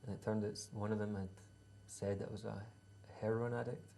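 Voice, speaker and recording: Speaking slowly and haltingly with lots of ums, this Scottish guest musician in his thirties answers interview questions casually and with a dry wit. The voice is deep and flat, raspy and gravelly yet dark and mellow, and there's a bit of background noise.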